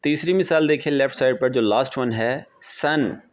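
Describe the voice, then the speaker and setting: A man teaching a beginner language lesson, explaining patiently and slowly repeating example words. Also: mid-range voice.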